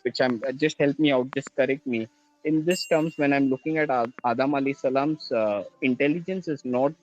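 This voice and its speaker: A man from India, calling in with questions, halting and restarting as he searches for words. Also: mid-range voice, darkish tone. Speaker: caller. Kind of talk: call-in question to a religious show. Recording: dull lo-fi call line.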